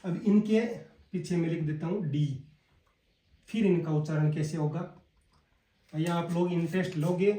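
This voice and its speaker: A man with a Hindi accent teaching a casual spoken lesson, drilling words slowly one by one and calling his viewers brother. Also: on the high side, fairly even intonation, mellow. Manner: slow and repetitive, drilling words one by one, addresses viewers as "bhai". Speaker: language teacher. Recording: echoey room, voice a bit far from the mic.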